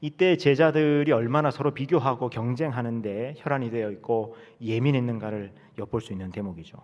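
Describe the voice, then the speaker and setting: A male pastor preaching a sermon, telling the story dramatically and moving between loud and hushed delivery. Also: medium pitch, brisk. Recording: reverberant church hall.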